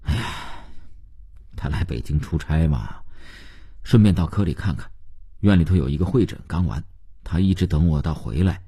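A man voicing a middle-aged doctor father who explains himself in a low, soft, soothing way. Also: expressive, normal speed, pauses often, breathy edge, full character voice. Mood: defensive.

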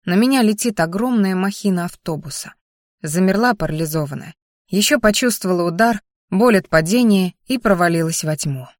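A woman's voice: mid-range voice, no room sound, studio quality. Woman narrating a first-person novel. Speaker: audiobook narrator.

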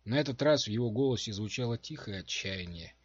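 A man narrating an audiobook in a steady, even manner, recorded at home. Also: medium pitch, a little fast, breathy edge, no echo, lo-fi sound. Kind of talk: scripted narration. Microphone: home microphone.

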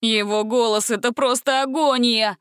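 A woman's voice: fairly low pitch, little pitch movement, unhurried, fairly bright tone, clear, resonant tone, no room sound, clean studio sound. A woman doing a grumbling, fearful brother. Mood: gloomy. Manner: sullen, grumbling.

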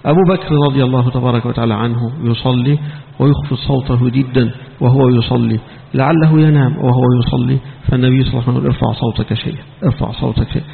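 A man's voice: mid-range voice, gravelly, a little hiss or hum. A man with an Egyptian Arabic accent, a sheikh teaching Quran commentary in a mosque, who moves from formal preaching to scolding colloquial asides. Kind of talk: mosque lesson on scripture. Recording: tinny phone-like recording in echoey hall.

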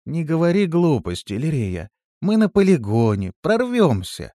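A man's voice: mid-range voice, sing-song, moderate pace, a little mellow, no room sound, clean studio sound, pitched above the performer's own voice. A man reading an audiobook, voicing a bold young female demoness who speaks firmly and decisively. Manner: firm, decisive, thoughtful. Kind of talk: audiobook character voice.

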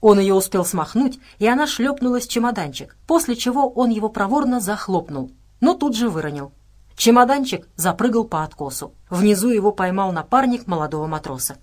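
A woman's voice: mid-range voice, expressive, fairly quick, darkish tone. Woman reading an audiobook steadily. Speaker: audiobook narrator. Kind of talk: scripted narration.

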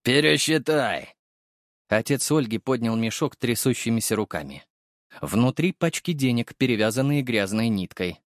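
A man narrating a first-person audiobook, storytelling lively and voicing the characters. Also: mid-range voice, normal speed, no echo, clean studio sound.

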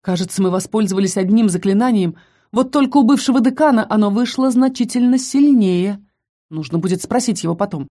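Mellow woman narrating a fantasy audiobook. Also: mid-range voice, brisk. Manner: expressive, dramatic reading.

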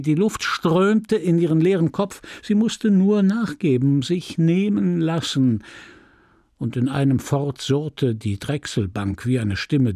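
A man reading a classic novel aloud as an audiobook, with dramatic, measured storytelling on a close studio mic. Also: mid-range voice, warm tone, dry recording. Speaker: audiobook reader. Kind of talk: literary audiobook narration.

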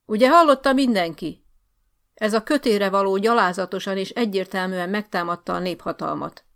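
A self-important young male officer , as a woman storyteller puts him on who barks out curt questions and accusations. The voice keeps a gravelly rasp underneath. It is an audiobook reading. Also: fairly low pitch, fairly even intonation. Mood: blustering. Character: pompous young male lieutenant colonel, bullying.

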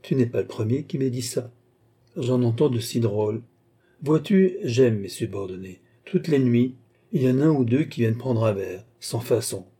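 A man's voice: mid-range voice, expressive, normal speed, mellow, husky. A man reading aloud, voicing a burly, mad male cemetery keeper who talks in a sneering, mocking and menacing way. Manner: sneering, jovial then curt.

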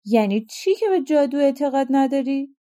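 Storybook genie, ancient and vengeful, menacing and proud; a woman narrator voices him, high, dark-toned. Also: animated. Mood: outraged. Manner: menacing, bitter, boastful. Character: vengeful ancient male genie freed from a bottle.

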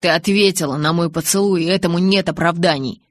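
Woman reading a hurt young man, low-pitched, pressing, dry close sound. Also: expressive, a little fast, dry recording. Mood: reproachful. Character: young man, wounded, hurt but teasing friend. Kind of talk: audiobook reading.

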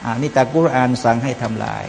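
A man's voice: mid-range voice, fast talker, vocal fry, a little mellow, faint music behind. A man preaching a Quran commentary, chanting Arabic verses between plain explanations and addressing his listeners as brothers and sisters. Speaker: Islamic preacher. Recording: long hall reverb, faint mains hum.

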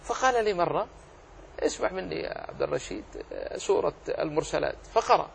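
A middle-aged man teaching a religious lesson on Quran recitation, explaining rules patiently and slowing down to demonstrate readings. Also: a little high, lively intonation, vocal fry, slight background noise. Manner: explanatory, acts out quoted readings slowly.

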